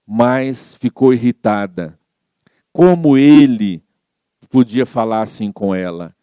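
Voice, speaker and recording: A man's voice: mid-range voice, lively intonation, slow pace, warm tone, clear, resonant tone, no room sound, studio quality. A man giving a Spiritist talk as a storytelling sermon, repeating words for effect and acting out the quotes. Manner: repetitive storyteller, acts out quotes. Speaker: Spiritist lecturer.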